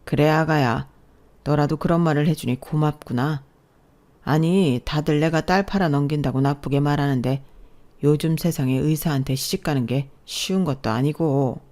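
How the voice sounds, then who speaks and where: A woman's voice: low voice, normal speed, darkish tone, close to an everyday voice. Brief: bossy old father-in-law, read by a woman, stern and lecturing, radio story. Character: domineering older male professor, bossy father-in-law.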